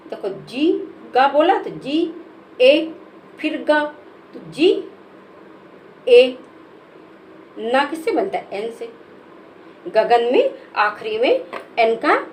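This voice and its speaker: A woman teacher leads a children's lesson, spelling out each word letter by letter. Her voice sits a little high, and she speaks very slowly and patiently. Faint background noise can be heard behind her. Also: low-quality recording. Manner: patient, spells letters one by one, calls listeners "beta". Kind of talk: slow step-by-step children's lesson.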